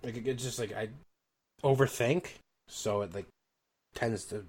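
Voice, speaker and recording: A man's voice: medium pitch, measured pace, darkish tone. A man co-hosting a podcast in casual chat, rambling with many fillers and casual swearing. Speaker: podcast co-host.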